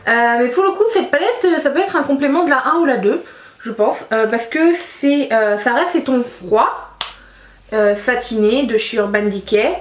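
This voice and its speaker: A woman chats through a makeup palette review in a relaxed, rambling way, pausing often on fillers. Her voice sits a little high. The room around her rings with a noticeable echo. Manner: chatty, lots of hesitations. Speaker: beauty vlogger. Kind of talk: casual product review.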